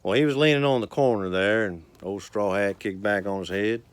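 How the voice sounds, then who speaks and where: Smooth, low-voiced cowboy storyteller man. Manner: folksy, unhurried storyteller. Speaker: cowboy poet and author. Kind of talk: cowboy poetry recital and casual folksy talk.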